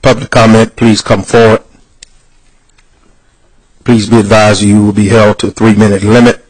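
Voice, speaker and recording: A man chairing a public hearing, reading the procedural rules in a measured, formal way, caught on an official meeting recording from a distance. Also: on the low side, flat delivery, dry recording. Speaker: council chair presiding over a public hearing.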